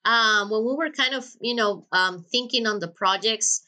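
Speaking with a Honduran Spanish accent, this guest researcher, a woman in her thirties from Honduras, hesitates often as she gives considered interview answers. Her voice is on the high side and sharp, at normal speed, coming through a webcam video call from an office with window blinds.

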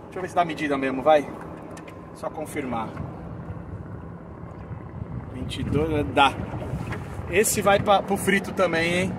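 A man chatting excitedly and laughing often as he hosts a fishing vlog out on a boat. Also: on the high side, measured pace, pauses often. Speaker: fishing vlogger host. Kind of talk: casual on-camera fishing chat. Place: outdoors on a boat at sea. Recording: loud wind and boat noise.

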